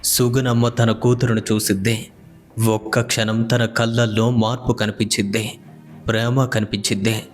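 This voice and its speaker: Guy narrating a scary story, flat steady voice, soft music under it. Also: lowish voice, normal speed. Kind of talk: scripted horror narration. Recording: faint music behind the voice.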